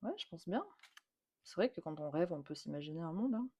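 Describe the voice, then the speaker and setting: A woman's voice: sits low, lively intonation, fairly quick, dark tone, slightly rough. Chatty French woman unboxing tarot decks. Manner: chatty, repeats words, many fillers. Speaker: tattoo artist and tarot channel host. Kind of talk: casual tarot deck unboxing.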